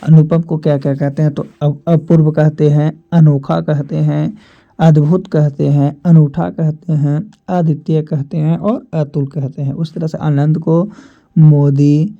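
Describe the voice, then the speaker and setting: A man teaching Hindi grammar for exams, slowly reading out lists of synonyms and asking and answering his own questions. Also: fairly high pitch, level tone, gravelly, dark tone, lo-fi sound. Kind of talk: exam-prep lesson, reading word lists.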